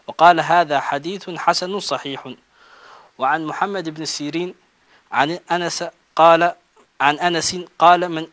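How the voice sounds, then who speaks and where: A man reading religious texts aloud to his teacher in a measured recitation, getting louder on the chanted call-to-prayer phrases. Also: a little high, no room sound.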